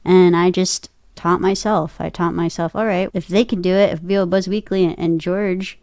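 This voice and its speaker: Recorded in a clean studio with no room sound, a voice actor and podcaster talks as an interview guest in a low-leaning, slightly mellow voice. Her intonation stays fairly even and her pace is moderate. The conversation is casual, full of personal anecdotes and her own thoughts quoted aloud.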